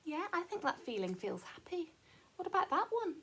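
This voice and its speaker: A woman with a very high, fairly bright, sing-song voice reads a story to young children at a normal speed. She adds animated commentary, staying playful and encouraging and often asking the listener questions.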